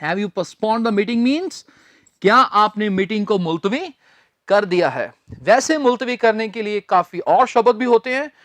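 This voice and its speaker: A man teaching English grammar in a recorded lecture, speaking deliberately, spelling words letter by letter and repeating key phrases. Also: high-pitched, expressive, fairly bright tone, no room sound.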